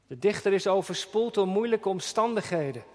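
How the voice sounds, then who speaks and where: A man preaching a sermon earnestly, slowing down when he quotes scripture. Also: sits high, lively intonation, a little mellow, long reverb tail. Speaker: pastor.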